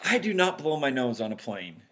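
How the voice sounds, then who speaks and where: A married man co-hosting a casual podcast, agreeable and quick with short replies. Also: mid-range voice, very animated, fairly bright tone. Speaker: podcast co-host. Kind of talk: casual chat.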